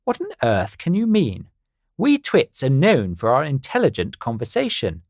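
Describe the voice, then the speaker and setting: A man's voice: mid-range voice, wildly swooping pitch, normal speed, a little mellow, dry recording, clean studio sound, pitched above the performer's own voice. A man voicing a well-read, sarcastic male bird in a storybook reading, talking in a prim, mocking way.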